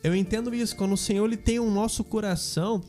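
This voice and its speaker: A man with a Brazilian Portuguese accent, a podcast guest telling a personal faith story in a relaxed, slangy, casual way. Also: high voice, fast, soft background music. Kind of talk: casual testimony chat.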